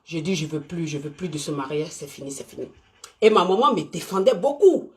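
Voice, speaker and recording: Woman ranting on a live stream, swoopy lively voice, keeps repeating herself for emphasis. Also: low-pitched, fairly quick. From Côte d'Ivoire. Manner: animated, emphatic and repetitive, talking straight to viewers. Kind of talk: unscripted live stream talk.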